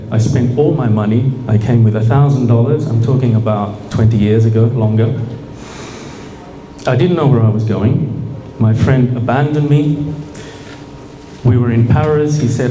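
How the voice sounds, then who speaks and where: A man's voice: medium pitch, mellow. A middle-aged man telling a rambling personal story live on stage, often asking the audience questions. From Peru. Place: small bar venue, live audience. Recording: echoey room with faint noise.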